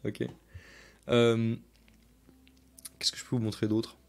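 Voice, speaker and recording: A man's voice: mid-range voice, monotone, slow pace. A man, coaching live as he breaks down football game film for viewers, chatty and casual, repeating his points and reading out viewer comments.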